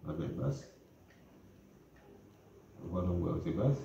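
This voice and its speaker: A man's voice: deep voice, lively intonation, slow, gravelly. A man with a Haitian accent giving a music lesson, repeating his points and checking in with "ok?". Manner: repetitive, checks in with "ok?". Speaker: music teacher. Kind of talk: classroom lesson. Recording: roomy, dull lo-fi recording with faint noise.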